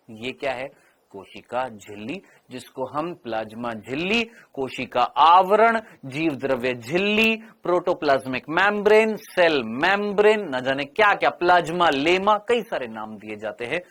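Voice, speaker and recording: A middle-aged male teacher giving a biology lecture, asking questions and answering them himself, and drawing out key words slowly. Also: fairly high pitch, expressive, a bit bright. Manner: stretches out key terms slowly.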